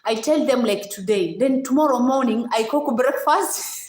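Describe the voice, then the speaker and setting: Casual livestream vlogger, woman with a slightly high voice who stops, repeats herself and laughs between phrases, in an echoey room. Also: noisy background. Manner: halting, repeats words, laughs often.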